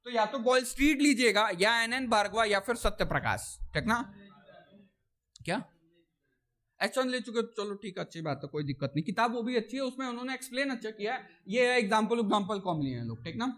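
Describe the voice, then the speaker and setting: A physics teacher with a very high-pitched, a bit bright voice lectures his class in a loose, chatty style, animated and brisk. He keeps checking with "theek na" and teases or scolds the students along the way.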